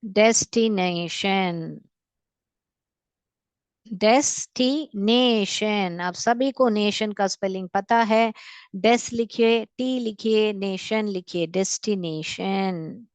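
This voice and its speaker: A woman English teacher giving a lesson in Hindi mixed with Indian English, patient and repeating each word slowly in syllables. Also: medium pitch, steady tone, a little mellow, clean tone, no room sound. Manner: mixes Hindi and English, calls students "beta". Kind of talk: classroom lesson with dictation.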